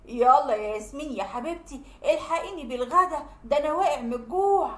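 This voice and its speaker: A woman's voice: sits high, lively intonation, quick pace, a bit bright. A woman voicing a mild young Egyptian husband who soothes and coaxes his wife. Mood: coaxing. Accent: Egyptian Arabic. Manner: coaxing, soothing. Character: placating young husband, mild and smooth-talking. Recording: roomy echo.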